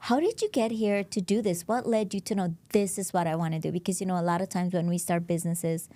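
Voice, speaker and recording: A woman's voice: lowish voice, fast, warm tone. A woman hosting a podcast interview, chatting casually, laughing often and repeating her words. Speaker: podcast host.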